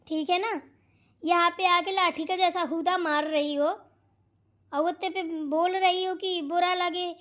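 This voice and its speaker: A woman voicing a lazy, quarrelsome sister-in-law in a cartoon, sharp, rude and always complaining. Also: extremely high pitch. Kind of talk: cartoon voice acting.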